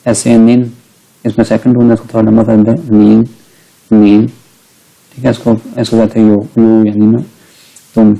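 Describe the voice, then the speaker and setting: A middle-aged man giving a recorded language lecture, patiently explaining step by step and slowly modelling each sound. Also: on the low side, completely flat delivery, creaky, mellow, rough recording. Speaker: language teacher.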